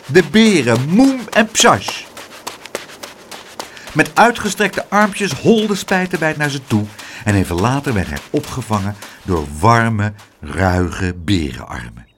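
A man reading a children's storybook aloud in a lively, expressive way. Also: mid-range voice, slow pace, slight background noise.

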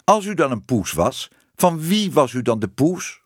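A man's voice: medium pitch, wildly swooping pitch, measured pace, breathy edge, no echo, clean studio sound, exaggerated voice. A man doing a fussy, lecturing shy man. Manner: exclamatory, lecturing. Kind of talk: audiobook reading.

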